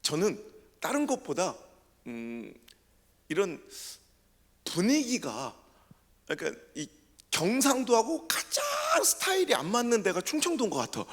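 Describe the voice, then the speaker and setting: This pastor's high, slightly bright voice makes huge pitch swings, moving a little slowly with long pauses. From South Korea and speaking with a Chungcheong accent, he delivers a revival sermon, recounting his testimony with humor and dialect impressions. The sound reverberates around the church sanctuary.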